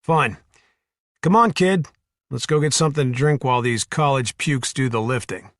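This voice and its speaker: A man's voice: mid-range voice, normal speed, a bit bright, dry recording, pitched above the performer's own voice, natural voice. A man voicing a tough ex-soldier in an audiobook, blunt and teasing in a dry way. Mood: wry teasing. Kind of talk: audiobook character voice.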